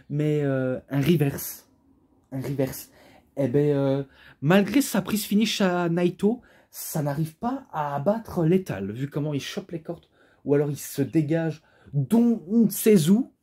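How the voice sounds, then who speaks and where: A man's voice: a little high, warm tone, slightly rough. A man giving a rambling, casual spoken review who gets carried away as he talks, with an imposing voice. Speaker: wrestling DVD reviewer.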